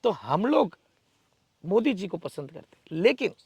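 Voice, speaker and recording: A man giving forceful, defiant answers in an interview as a local political figure, with emphatic rhetorical speech. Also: sits high, sing-song, unhurried, husky, dry recording.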